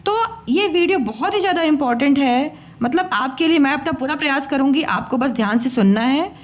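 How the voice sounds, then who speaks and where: A woman teacher giving a patient, coaxing lesson to children, sounding out letters slowly and repeating them. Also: high-pitched, lively intonation.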